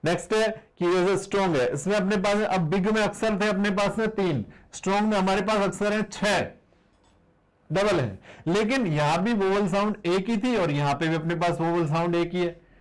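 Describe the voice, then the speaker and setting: A man with a high-sitting voice teaches beginners a grammar lesson, patiently repeating each rule and posing rhetorical questions to the class. The audio quality is poor.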